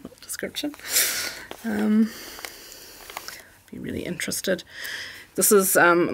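A middle-aged woman with a Kiwi accent talks through her planner at home, relaxed and chatty, with plenty of ums. Her voice sits on the low side for a woman and has a gravelly edge. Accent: New Zealand. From New Zealand. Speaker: planner vlogger. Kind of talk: casual craft chat. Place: home room.

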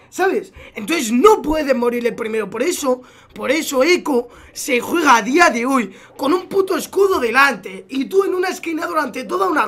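Spanish streamer dude, bright sharp voice, hyped, swearing, yelling callouts at his team. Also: very high-pitched. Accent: Spain. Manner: excitable, swears a lot, shouts callouts in English. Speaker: gaming streamer. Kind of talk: live gameplay commentary.

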